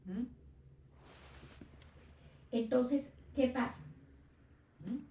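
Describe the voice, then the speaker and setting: Woman preacher, higher register, questioning delivery; distant mic in a roomy space. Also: extremely slow, mellow, slight background noise. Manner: asks rhetorical questions and checks in with listeners. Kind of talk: sermon. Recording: echoey room, distant mic.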